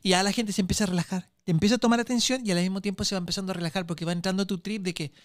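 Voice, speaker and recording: High-voiced man telling comedy-club stories. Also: racing, no room sound, clean studio sound. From Chile. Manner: acts out crowd voices and hecklers, animated storytelling, heavy slang. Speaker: stand-up comedian guest. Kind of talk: casual podcast chat, telling anecdotes.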